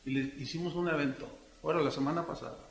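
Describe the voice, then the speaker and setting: A man's voice: on the high side, racing, a little hiss or hum. A middle-aged man with a Mexican accent, preaching a conversational sermon and telling stories that act out dialogues in changing voices. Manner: animated storytelling, acting out dialogues in different voices. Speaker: pastor. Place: church congress hall. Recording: echoey church hall.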